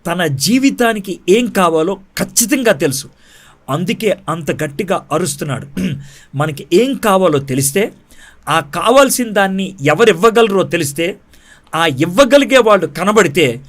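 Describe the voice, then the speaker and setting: A man from Andhra Pradesh gives a youth sermon in a slightly high voice. He drives his points home with repetition, often restating them in English phrases, and swells to loud cries at the climaxes. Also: expressive, measured pace. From Andhra Pradesh, India. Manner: emphatic, rising loud at key points, repeats phrases for weight. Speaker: preacher.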